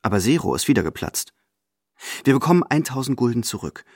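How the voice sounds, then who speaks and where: A man narrating a novel in the first person in an expressive, scripted audiobook reading. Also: mid-range voice, fairly quick, slightly rough, dry recording, clean studio sound.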